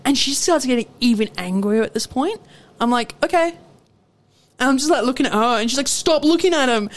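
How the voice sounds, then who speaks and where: A young woman co-hosting a podcast tells workplace stories in a casual chat, her slightly high voice moving fast. She laughs often and tells her stories in an animated way.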